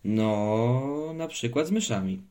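A man voicing a playful, teasing father who spins a mysterious tale in a hushed voice. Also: mid-range voice, animated, slow pace. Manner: mock-mysterious, half whispering when telling tales.

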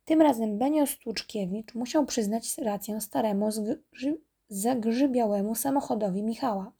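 A woman narrating a children's storybook in a calm, even reading voice. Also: on the high side, measured pace, breathy edge.

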